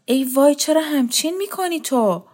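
An old lady of the house, flustered and quick to snap, read aloud by a woman storyteller. Her lines come out lifted and animated, set apart from the narration. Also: a little high, pitched above the performer's own voice, lightly acted. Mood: alarmed.

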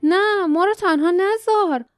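A woman's voice: high voice, lively intonation, a little mellow, dry recording, voice pushed up. A woman voicing a frightened, desperate teenage boy traveler who cries out and pleads, in a storybook reading. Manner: pleading, crying out.

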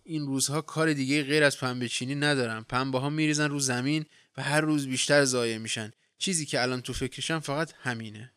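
A man's voice: mid-range voice, fairly even intonation, fairly bright tone, clear, resonant tone, no room sound, studio quality, lightly acted. A man reading the part of a short-tempered farm owner who scolds and argues. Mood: worried. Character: exasperated farm-owning man.

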